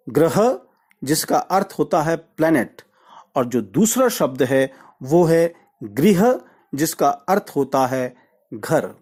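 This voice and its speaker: Slow, lively-pitched male diction teacher. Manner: deliberate, repeats words slowly to model pronunciation. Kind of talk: explanatory pronunciation lesson.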